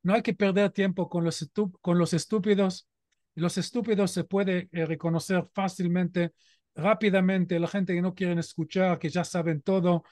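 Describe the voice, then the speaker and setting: Middle-aged Israeli-accented man, high voice, earnest guest speaker, close dry sound. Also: fairly even intonation, moderate pace, a little mellow, dry recording. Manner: earnest and emphatic, with frequent rhetorical "¿no?". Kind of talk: informal talk to a community audience.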